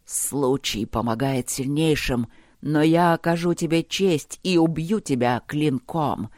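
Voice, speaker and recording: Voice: mid-range voice, measured pace, darkish tone, no echo, lightly acted. An audiobook narrator voicing a cruel, arrogant warrior emperor who hisses threats at his enemies, in a dry, close recording. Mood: menacing.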